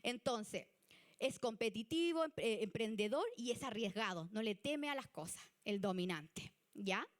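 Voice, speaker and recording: A woman with a Chilean Spanish accent giving a church youth leadership lesson, chatty and animated. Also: a little high, a little slow. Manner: chatty and animated, acts out example people.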